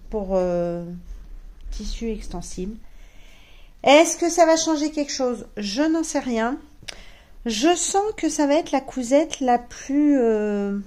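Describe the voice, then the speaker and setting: A woman vlogging at home while she sews, talking slowly in a rather high voice. She hesitates and rambles, full of fillers and self-mocking asides. The room gives her voice a clear echo. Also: dark tone. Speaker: sewing vlogger. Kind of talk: casual chat to camera. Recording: roomy echo.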